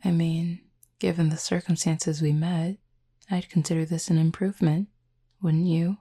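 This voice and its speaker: A woman voices a horned cupid roommate in roleplay audio, speaking softly and intimately in a low, husky, breathy voice with a mellow tone. She's calm and measured, with polite, formal wording and a tender, teasing warmth that feels gentle and reassuring.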